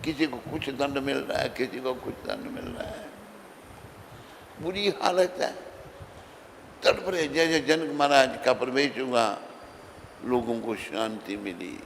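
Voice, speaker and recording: A swami gives a devotional lecture, telling a story and acting out its dialogue in a raised voice. His voice is mid-range, creaky, and fairly bright, with a measured pace. A long hall reverb carries faint background noise.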